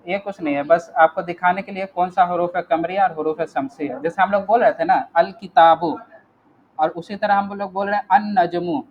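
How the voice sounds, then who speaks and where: Patient male Arabic teacher, high voice. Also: phone-quality sound, slight background noise. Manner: patient, checks in with "theek hai?" often. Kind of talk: online class teaching.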